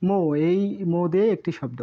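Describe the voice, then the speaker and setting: Female teacher, low-ish voice, very slow syllable-by-syllable drilling, dull lo-fi audio. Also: lively intonation. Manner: repeats each word slowly, syllable by syllable. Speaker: Japanese language teacher. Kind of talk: slow spoken lesson with repeated drilling.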